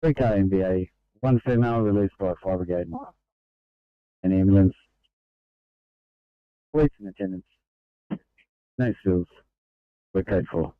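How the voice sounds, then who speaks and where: A man's voice: low voice, a little slow, pauses often, smooth, no echo, muffled recording. A man with an Australian accent working as an emergency radio dispatcher, heard over a two-way radio and speaking in clipped, procedural codes. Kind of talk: radio call.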